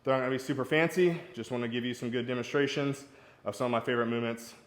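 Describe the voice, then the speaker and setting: A man's voice: mid-range voice, fairly even intonation, very fast. Man coaching golf workouts in echoey garage. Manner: casual and encouraging, talks while demonstrating. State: out of breath. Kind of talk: exercise demonstration. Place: hot home garage gym.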